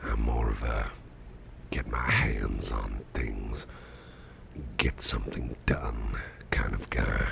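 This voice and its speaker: With an exaggerated voice, a man acts out a sickly boss in an ASMR roleplay, his tone extremely low, crackly and gravelly, almost a breathy whisper. He talks slowly, hesitantly and tenderly in fairly even intonation, sounding grateful, slightly self-deprecating, folksy, cosy and affectionate. Behind him there is clear noise and a soft ambient bed.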